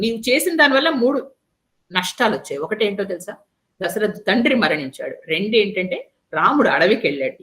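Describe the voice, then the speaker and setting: A woman's voice: medium pitch, fairly bright tone. A woman voicing a pure-hearted young prince who rebukes his mother in grief.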